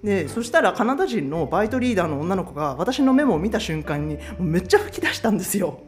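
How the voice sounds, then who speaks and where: A woman's voice: mid-range voice, very animated, quick pace, faint music behind. A woman from Japan, hosting in a chatty, casual storytelling style, with many fillers. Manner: chatty, lots of fillers, acts out quotes. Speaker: host.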